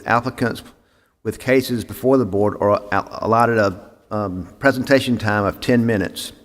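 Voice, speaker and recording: A man chairing a city board meeting, reading procedure formally with frequent "uh" fillers, on a meeting microphone. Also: medium pitch. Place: city hall meeting chamber. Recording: echoey council chamber.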